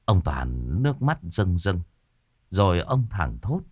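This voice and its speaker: A man narrating a horror story in a slow, suspenseful storytelling manner. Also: low-pitched, very animated, warm tone, breathy edge, no echo, clean studio sound.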